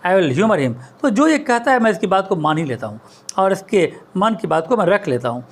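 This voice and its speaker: Male tutor explaining a story, lively pitch, slow on the quoted lines. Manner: reads English lines slowly, then explains in Hindi. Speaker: teacher. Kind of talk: line-by-line story explanation lesson.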